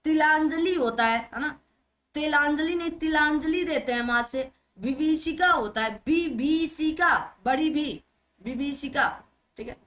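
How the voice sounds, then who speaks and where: Woman, young adult, high-pitched, grammar teacher, brisk, repetitive drilling, rhetorical questions. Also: a bit bright. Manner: brisk, drills words, repeats them, asks rhetorical questions. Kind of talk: exam-prep grammar lesson.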